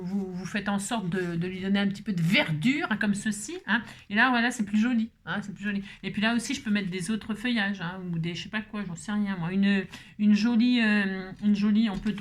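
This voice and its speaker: A woman hosting a craft tutorial, chatting playfully to herself and her viewers and breaking into song. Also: medium pitch.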